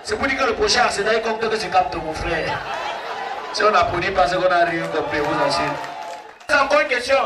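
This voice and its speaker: High-voiced Cameroonian wedding MC. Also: male voice, expressive, brisk. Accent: Cameroonian French. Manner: joking, teasing the crowd, calling for applause. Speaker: wedding MC and comedian. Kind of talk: stand-up comedy at a wedding. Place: wedding reception hall. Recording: roomy hall from far off, noisy crowd.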